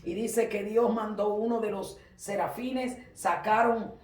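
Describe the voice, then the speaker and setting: A man preaching a sermon in a church, fervent and emphatic, rising at times to shouts. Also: sits high, steady tone, unhurried. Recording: roomy, from far off the mic.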